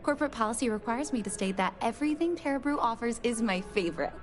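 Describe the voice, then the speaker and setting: A woman voicing an overly smooth, polite female service robot serving coffee in a video game, with courteous, scripted customer-service delivery. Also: on the high side, animated, quick pace, soft background music, close to an everyday voice. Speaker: coffee shop server. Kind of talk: video game character dialogue.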